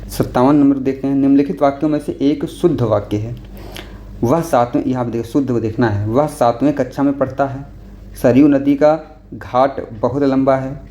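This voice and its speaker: Guy teaching exam prep, keeps asking "okay?", mellow voice, kinda dull recording w/ light noise. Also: medium pitch. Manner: patient, repeats with frequent "okay?" checks. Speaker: Hindi exam tutor. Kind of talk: explaining exam answers.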